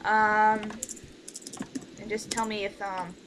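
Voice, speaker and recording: Speaking slowly in a fairly flat, medium-pitched voice, this woman leads an amateur radio play group and is hosting a casual livestream over an online voice call. Background noise is audible, and her rambling, informal manner turns bossy at times.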